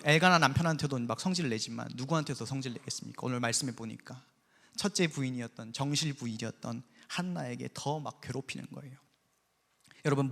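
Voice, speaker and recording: Brief: male preacher, bright, lively, pitched a bit high, long church reverb. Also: creaky. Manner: animated, addresses the congregation directly with questions. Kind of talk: sermon. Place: church sanctuary.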